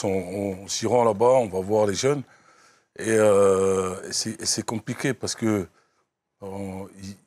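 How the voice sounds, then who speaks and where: A man's voice: fairly low pitch, a little mellow. A man speaking as a guest in a studio discussion, hesitant and full of fillers and restarts. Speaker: talk show guest.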